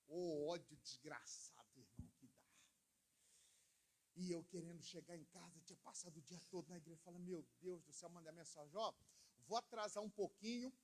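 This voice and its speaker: A man's voice: high-pitched, brisk, breathy edge. A male pastor from Brazil, preaching a sermon and firing questions for the congregation to answer. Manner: swings between loud emphatic lines and quiet storytelling asides.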